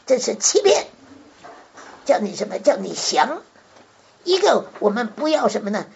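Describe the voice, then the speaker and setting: A woman's voice: mid-range voice, sing-song, normal speed, gravelly, darkish tone, husky. A woman preaching a sermon and explaining scripture, who keeps asking her listeners rhetorical questions. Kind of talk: sermon, Bible exposition. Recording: dull lo-fi recording.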